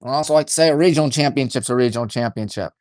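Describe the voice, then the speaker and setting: A man doing play-by-play radio commentary for a high school baseball game from a press box, folksy and partisan, keeping his voice deliberately restrained. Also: no room sound, clean studio sound. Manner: folksy, chatty, partisan toward home team; deliberately restrained, hushed delivery.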